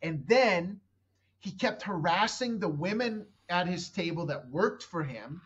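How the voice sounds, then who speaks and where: A husky, expressive voice that sits high and a bit bright moves a little slowly on a lo-fi recording. It's a comedian from Canada in his thirties, a podcast guest telling a long story full of swearing, tangents and sentences he cuts off.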